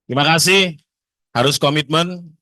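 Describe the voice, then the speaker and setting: A man giving a lively seminar talk to parents, often asking the audience questions. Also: a little high, normal speed, dry recording. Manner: animated, asks the audience questions.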